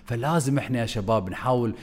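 Very fast-talking man. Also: mid-range voice, breathy edge. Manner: energetic, swings voice up and down on purpose. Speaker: content creation coach. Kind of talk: video lesson to camera.

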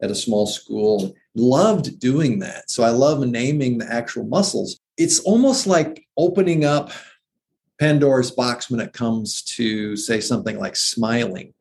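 A man with a gravelly, fry-tinged voice talks casually about anatomy, piling up muscle names with enthusiasm. He sounds like a former teacher who loves the details. A faint noise sits under the recording. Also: mid-range voice, a little slow, a little mellow. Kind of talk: casual conversational explaining.

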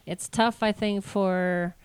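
A woman's voice: medium pitch, fairly even intonation, slow, darkish tone, clear, resonant tone, no room sound. A middle-aged woman artist telling her life story in a casual interview, chatty with many fillers and restarts. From born in Washington, D.C., raised in Connecticut and Virginia. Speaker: professional artist, interview guest.

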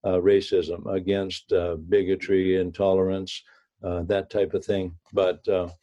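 A man from Canada, a guest on a political talk show, speaking haltingly with many fillers. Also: deep voice, little pitch movement, mellow, dull audio.

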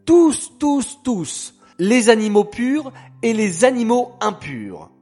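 A man's voice: sits high, measured pace, soft background music. A man voicing a chatty, caring little girl who questions her brother in a storybook tale. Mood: proud. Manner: bright, questioning, lively.

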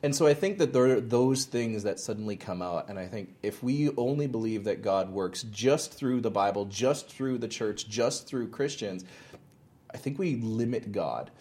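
A man's voice: on the low side, normal speed, a little mellow. Man, 30s, earnest, storytelling, ministry founder being interviewed. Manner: earnest, storytelling, frequent restarts and laughs. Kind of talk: interview conversation.

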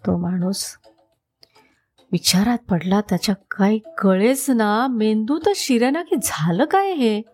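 A woman narrating a folk tale in an expressive storytelling manner. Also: a little high, unhurried, few pauses, soft background music.

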